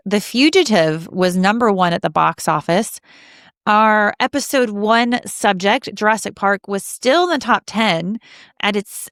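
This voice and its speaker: Southern American woman, 30s, animated podcast co-host, dry close mic. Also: mid-range voice, no room sound. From Southern United States. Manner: chatty and animated, quick restarts. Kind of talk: casual film podcast chat.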